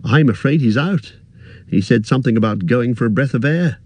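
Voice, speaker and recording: A man's voice: mid-range voice, fairly quick, darkish tone, husky, dry recording, pitched above the performer's own voice, natural voice. A man reading aloud, voicing a tired, worried young male hobbit who speaks politely.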